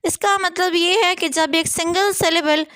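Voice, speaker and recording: Teacher, woman, very high and bright, dry close sound, slow rule reading then quick explaining. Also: fairly even intonation, dry recording. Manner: reads rules slowly, then explains quickly. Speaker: English teacher. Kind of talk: explaining a lesson.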